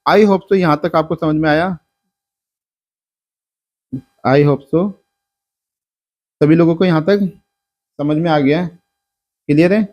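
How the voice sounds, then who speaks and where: A male science teacher from India lectures a class in a voice on the high side, a little mellow and a little slow, with long pauses. He explains things step by step, mixes in English terms, and poses questions that he then answers himself.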